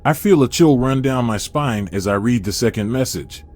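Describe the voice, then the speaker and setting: Male narrator, mid pitch, steady first-person horror storytelling. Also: normal speed.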